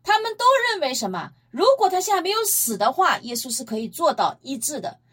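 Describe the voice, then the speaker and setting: Speaking briskly in a high voice, a woman preaches a sermon that teaches from the Bible. She retells scripture emphatically and with lively storytelling, asking her listeners rhetorical questions.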